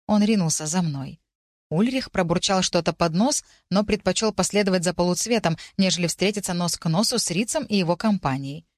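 A woman giving a steady, expressive first-person narration of a fantasy audiobook. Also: lowish voice, no echo, studio quality.

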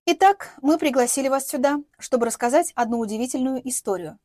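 A woman voicing a self-assured middle-aged woman investigator who speaks in a smooth, measured way, in an audiobook. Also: high-pitched, animated, mellow, no echo, clean studio sound.

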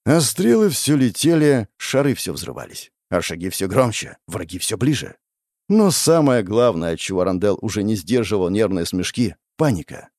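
Male audiobook narrator, dramatic fiction, very lively pitch, dry close sound. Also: moderate pace, no room sound. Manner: expressive storytelling, voicing the characters.

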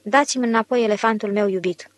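A man's voice: sits high, close to an everyday voice. A woman reading the part of a stubborn male accountant posing as a mad viceroy, with wailing demands. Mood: pleading.

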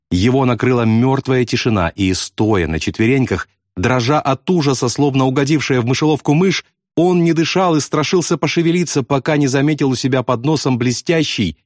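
A man narrating a novel in a steady, vivid literary reading. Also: medium pitch, no room sound, clean studio sound. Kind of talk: audiobook narration.

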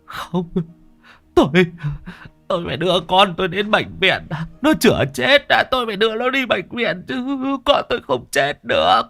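A man's voice: high voice, huge pitch swings, moderate pace, creaky, soft background music, pitched above the performer's own voice, exaggerated voice. A man voicing a middle-aged father crying and wailing in desperate grief over his dead child. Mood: frantic pleading. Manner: desperate, sobbing, shouting.

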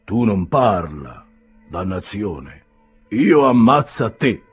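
A fierce tattooed harpooner, put on by a male audiobook reader, growling out broken phrases. The voice sits low and drags each word out slowly, then swings wide in pitch. A storybook savage with a grim, guttural manner. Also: huge pitch swings, a little mellow, husky, soft background music, exaggerated voice. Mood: menacing. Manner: halting broken speech, growled and slow. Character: fierce tattooed cannibal harpooner, grown man.

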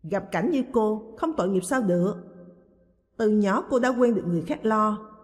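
A woman's voice: mid-range voice, moderate pace, big-room sound, natural voice. A woman reading an audiobook voices a cheerful woman schoolteacher who talks in a chatty, teasing way.

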